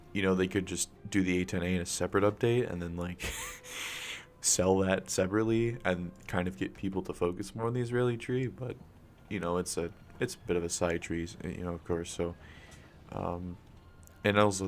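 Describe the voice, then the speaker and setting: A young man streaming from home with a raspy morning voice, rambling casually with lots of fillers and swearing, close to a desk mic. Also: deep voice. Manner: rambling, loose, swears often, frequent fillers and coughs. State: raspy morning voice, just woke up. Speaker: gaming streamer. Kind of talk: casual live-stream chat. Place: home room, talking quietly since family is asleep. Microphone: desk microphone, close up.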